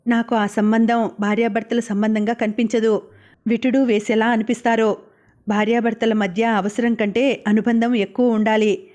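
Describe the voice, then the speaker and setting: A woman voicing a proud, sharp-tongued young wife who speaks bluntly and defiantly. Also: on the high side, level tone, normal speed, lightly acted.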